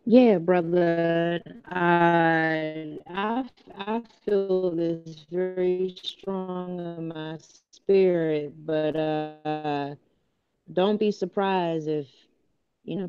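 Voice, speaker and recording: A woman calling into a live chat, talking slowly and earnestly about faith while her call breaks up and drops out over a muffled connection. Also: lowish voice, smooth, no room sound. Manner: slow, earnest, searching for words. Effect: call breaking up and dropping out. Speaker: caller in a live video hangout. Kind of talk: casual encouragement with church talk. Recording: muffled, dropping phone connection.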